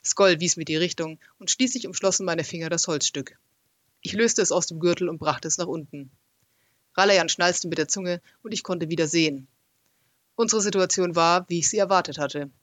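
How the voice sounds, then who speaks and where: A man reading a first-person adventure story aloud as an audiobook, in a lively, expressive storytelling manner. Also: fairly high pitch, moderate pace, no room sound. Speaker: narrator.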